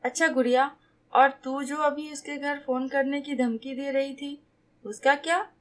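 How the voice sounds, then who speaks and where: Woman reading a calm, loving older brother. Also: high voice, measured pace, voice pushed up. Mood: affectionate.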